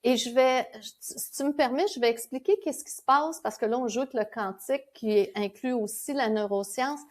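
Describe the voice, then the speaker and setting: A woman with a Québécois French accent, a podcast guest telling lively stories and explaining her ideas, laughing now and then. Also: on the high side, normal speed. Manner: animated storyteller, laughs while explaining. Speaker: guest, founder of a spiritual school. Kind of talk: conversational podcast interview.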